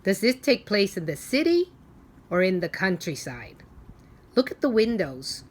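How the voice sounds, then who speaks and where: A woman teacher reads aloud to young children in a medium-pitched, sing-song voice. She asks simple questions and pauses so they can think.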